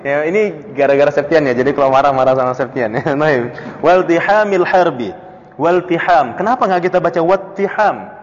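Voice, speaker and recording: A man teaching a classical Arabic text to a study circle, quizzing students by name and chuckling between points. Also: brisk. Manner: questions students by name, chuckles, animated pitch jumps. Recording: dull lo-fi audio in a reverberant room.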